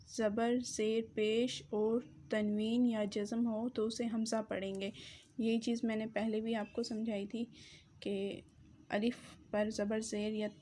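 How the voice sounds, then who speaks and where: A woman teaches reading by slowly sounding out each syllable with careful emphasis. Her voice sits a little high and stays quite flat in melody. A faint hiss runs under the recording. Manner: drawn-out, emphatic pronunciation drills.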